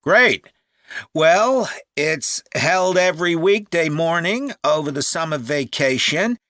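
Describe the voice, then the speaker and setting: In a heavily acted listening-test dialogue, a man with a slightly high, pushed, bright voice plays a helpful, upbeat cycle camp manager taking a call. He explains things in an informative, measured, upbeat way, with clean studio sound and no echo.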